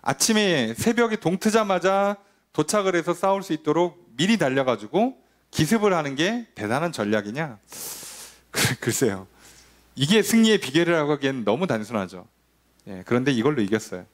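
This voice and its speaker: A male pastor preaches a lively Sunday sermon in a fairly high voice at a moderate pace. He poses rhetorical questions and briefly acts out the voices of the people he quotes.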